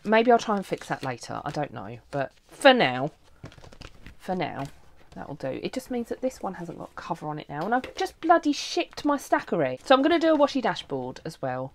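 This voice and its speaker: This woman's voice sits lowish and swings widely in pitch, moving at a normal speed over a slight hiss or hum. She's a planner vlogger at her crafting desk, chatting casually and cursing freely while she walks through setting up her planner.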